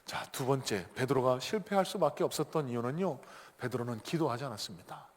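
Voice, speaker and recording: A man's voice: medium pitch, animated, a little fast. A man preaching a sermon as a pastor, telling stories with animation and rising to emphatic peaks. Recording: echoey church hall.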